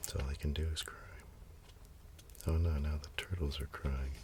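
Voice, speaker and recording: A man talking in a soft, half-whispered ASMR style close to the mic, musing in relaxed asides as he pages through a comic. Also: rumbling low, moderate pace, heavy background noise. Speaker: ASMR creator. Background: pen and page sounds.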